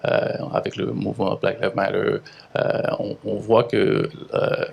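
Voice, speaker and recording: A man in his thirties from Haiti with a Haitian French accent, an artist giving halting interview answers full of fillers and restarts. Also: lowish voice, little pitch movement, darkish tone. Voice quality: gravelly, husky. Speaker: visual artist.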